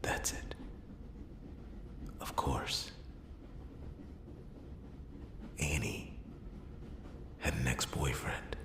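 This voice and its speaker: A man voicing a world-weary noir detective in a whispered role-play, brooding and halting, with dramatic pauses and a gravelly, breathy voice. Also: very deep voice, echoey room, exaggerated voice. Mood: dawning realization. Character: world-weary male noir detective piecing together a murder.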